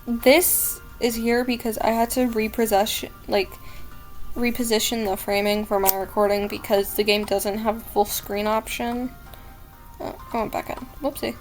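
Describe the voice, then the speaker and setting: A young woman gives chatty, self-mocking commentary while playing, with little giggly asides. Her voice sits high. Quiet game music plays behind her. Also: fairly even intonation, moderate pace, poor audio. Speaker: gaming streamer. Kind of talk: casual let's play commentary.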